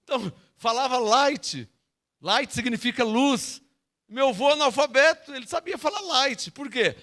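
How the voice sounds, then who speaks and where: A man's voice: extremely high pitch, lively intonation, unhurried, sharp tone. A Brazilian man preaching a sermon, teaching verse by verse and throwing rhetorical questions at the congregation with emphatic delivery. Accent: Brazilian Portuguese. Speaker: pastor.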